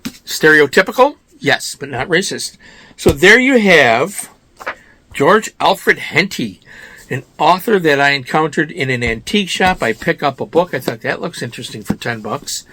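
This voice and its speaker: An American man with a raspy voice, slightly hoarse from a cold, giving informal book commentary as a host in an emphatic way, often asking and answering his own questions. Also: fairly high pitch, animated, unhurried, bright, forceful tone, slight background noise. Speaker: host of a book review show.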